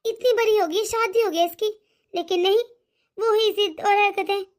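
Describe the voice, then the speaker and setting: Brief: woman doing a fussing cartoon mother-in-law, older, soft and coaxing, very high pitch. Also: moderate pace. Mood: fretful. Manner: soft-spoken, worried, coaxing. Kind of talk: animated cartoon voice acting.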